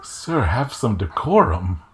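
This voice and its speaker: A man's voice: on the low side, very animated, takes it slowly. Man playing a stiff, proper royal aide.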